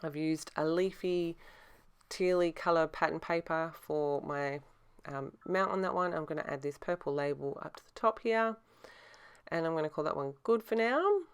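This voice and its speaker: A middle-aged woman narrates a craft process in a low, very smooth and clear voice. She speaks casually, with a slight lisp from her braces and a mouth that is a little sore. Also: normal speed. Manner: talks with a sore mouth from newly adjusted braces. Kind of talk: casual craft tutorial voice-over.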